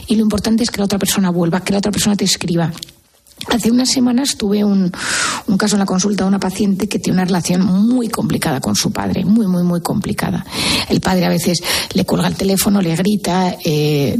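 A woman's voice: medium pitch, gravelly, darkish tone, slightly rough. A woman with a Spain Spanish accent, a psychiatrist guest on a radio show, explaining earnestly and posing example questions.

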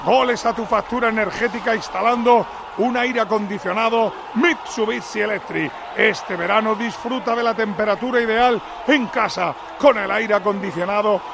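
A man shouting a sponsor read on sports radio. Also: sits high, normal speed. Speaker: advertisement announcer. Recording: crowd and clear noise behind.

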